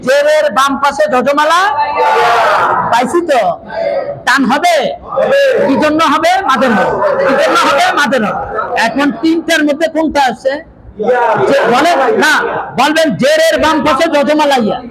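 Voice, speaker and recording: A high-pitched man leads a lesson, often calling out rules for students to repeat. A crowd of students and loud room noise fill the recording. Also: a little slow, pauses often. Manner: drills rules loudly, often calls out. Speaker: Quran reading teacher. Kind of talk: classroom teaching with call and response. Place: classroom with many students.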